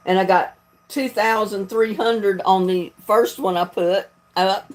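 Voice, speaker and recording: Heard over poor audio, this Southern-accented video creator from North Carolina talks folksily while hosting a livestream, laughing often. Her medium-pitched voice keeps a fairly even intonation at a measured pace.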